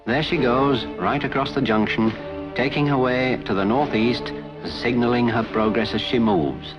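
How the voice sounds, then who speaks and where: A man's voice: medium pitch, moderate pace. A man narrating a scripted 1950s documentary as a railway official, in a conversational, wry storytelling way. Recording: dull 1950s film soundtrack with music.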